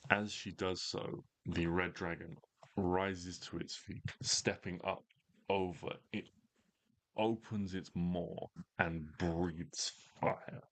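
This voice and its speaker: Guy running a tabletop game, really low voice, slow dramatic storytelling. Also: steady tone, a bit bright. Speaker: game master.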